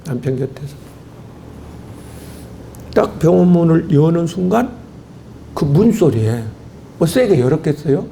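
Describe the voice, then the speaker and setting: A man preaching a sermon as a pastor, telling a story dramatically, acting out the voices and breaking into shouted praise. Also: fairly high pitch, expressive, unhurried, vocal fry, long pauses, slight background noise. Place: church hall at a retreat.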